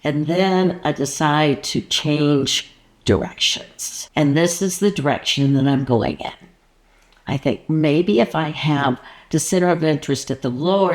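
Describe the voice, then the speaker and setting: An artist and art coach with a low, somewhat dark voice talks to her viewers in a relaxed way before describing how she paints. She keeps it playful, posing questions to the viewer and making fun of her own frustration.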